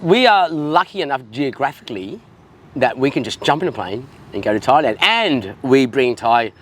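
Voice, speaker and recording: A man's voice: medium pitch, very animated, moderate pace, fairly bright tone, slight background noise. A man with an Australian accent hosting a casual interview in a matey, sweary, blokey way. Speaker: podcast host interviewing a guest. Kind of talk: casual chat.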